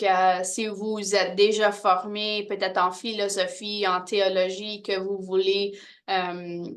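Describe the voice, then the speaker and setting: A woman presenting university programs to prospective international students, pausing often with fillers and restarting phrases. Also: medium pitch, fairly bright tone. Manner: hesitant, many fillers and restarts.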